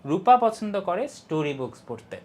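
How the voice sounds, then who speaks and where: A young man teaching an English lesson, explaining step by step, reading English lines slowly and stressing key syllables. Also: high voice, big pitch swings, a little mellow. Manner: explains step by step, often asks "ঠিক আছে?". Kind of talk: online class lesson.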